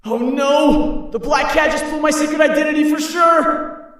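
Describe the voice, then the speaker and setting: A man's voice: very high voice, fairly even intonation, moderate pace, a bit bright. A man playing a young, wisecracking but harried superhero in a comic dub, with a wry, self-narrating manner. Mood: alarmed, pleading. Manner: wry, quippy, talks to himself. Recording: very echoey, distant, music behind.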